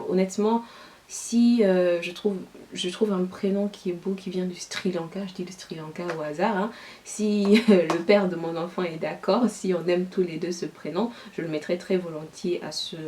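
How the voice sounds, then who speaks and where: A woman from Niger with a light Nigerien French accent chats casually as a YouTuber at home, answering questions and using lots of filler phrases. Her voice is lowish and dark, and the distant mic picks up a faint hiss.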